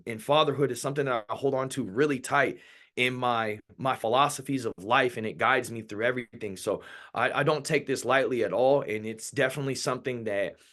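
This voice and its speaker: A man's voice: medium pitch, a bit bright. A man in his thirties giving a workshop talk, telling his personal story candidly and loosely, with many fillers and restarts. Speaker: workshop speaker.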